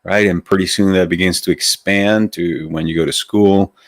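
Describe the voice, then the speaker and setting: This man from Venezuela, a meditation teacher on a live stream, reflects on spiritual matters and often asks rhetorical questions. His low voice holds a steady tone at normal speed, captured in a dry, clean studio recording.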